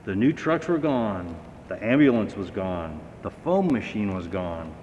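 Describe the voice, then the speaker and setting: Taking his time, a man who serves as a fire battalion chief gives a children's story a lively, theatrical reading, performing the voices and sound effects. The audio echoes as if in a hall, sounding dull with a faint rumbling in the background.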